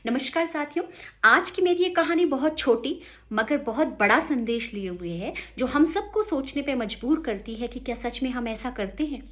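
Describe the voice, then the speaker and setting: A woman's voice: high-pitched, expressive, normal speed, fairly bright tone. A woman telling a short moral story in a casual, conversational way, speaking directly to her listeners.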